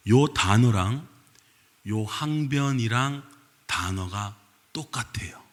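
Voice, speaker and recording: Korean pastor guy preaching, keeps asking the church stuff, big echoey sanctuary. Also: mid-range voice. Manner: animated, keeps asking the congregation questions. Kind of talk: sermon. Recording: long reverb of a church hall.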